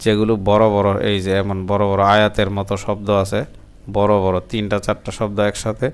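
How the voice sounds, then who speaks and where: A man's voice: lowish voice, completely flat delivery, fairly quick, smooth. A man teaching Quran reading, explaining plainly to the learner and sounding out Arabic syllables one at a time before chanting them drawn out.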